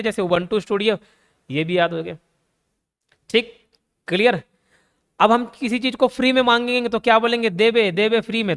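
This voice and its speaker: A man's voice: high voice, fairly bright tone, clear, resonant tone. A young man, teaching an exam-prep lesson full of playful memory tricks and repeated key words. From India. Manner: playful, repeats key words, asks and answers his own questions. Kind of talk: Hindi lecture with mnemonic tricks.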